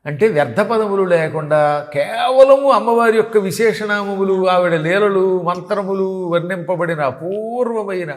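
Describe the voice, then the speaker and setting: A man's voice: sits high, normal speed. An older man, a spiritual teacher, explains devotional practice in a didactic way, sounding out syllables and chuckling at his examples. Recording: long hall reverb.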